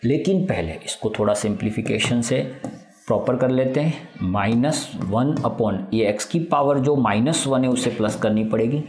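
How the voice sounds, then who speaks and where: A man's voice: medium pitch, measured pace, a little mellow, faint music behind. Roomy-sounding man teaching math step by step. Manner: explains step by step, keeps checking in. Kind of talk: classroom math lesson. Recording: roomy echo.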